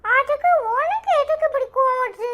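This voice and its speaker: A woman voicing a teasing younger brother in a cartoon, in a squeaky, giggly, sing-song voice with a Tirunelveli Tamil accent. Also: normal speed, lo-fi sound, noisy background. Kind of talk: cartoon voice acting.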